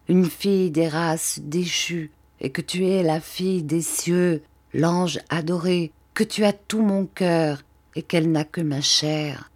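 A fervent young lover pours out his devotion in a low, slow voice, as a woman reads him. The delivery is impassioned and unhurried. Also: a little mellow, no room sound. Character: ardent young man in love. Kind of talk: audiobook reading.

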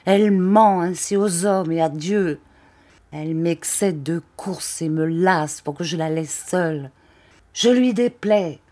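A woman reading the lines of a ranting, paranoid middle-aged count in a novel, shouting bitter accusations. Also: fairly low pitch, slow pace. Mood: raging.

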